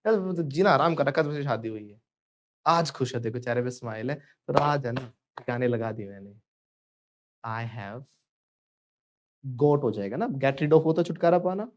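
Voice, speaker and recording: A man's voice: mid-range voice, lively intonation, normal speed, long pauses. A man teaching spoken English in an online class, playful and joking, prompting students to repeat phrases after him.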